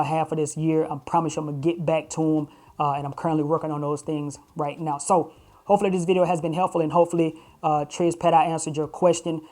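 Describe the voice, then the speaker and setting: Speaking to camera in a home studio lit purple and lined with shelves, a thirty-something man casually reviews tech products. He calls his voice high-pitched and talks easily, with many "uh" and "you know" fillers. A desk broadcast mic is used first, then a clip-on wireless mic.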